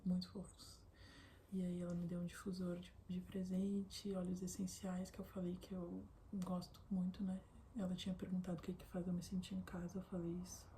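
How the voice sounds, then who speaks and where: A young woman from southern Brazil chatting casually to camera from her bedroom, often slipping into a soft whisper. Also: lowish voice, monotone, brisk. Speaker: vlogger. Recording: faint background noise.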